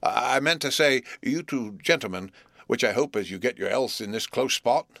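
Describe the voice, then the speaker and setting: A man reading aloud and voicing a humble, awkward country blacksmith who talks in a rustic dialect, earnest and halting. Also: medium pitch, animated, a bit bright, no echo, clean studio sound. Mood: flustered.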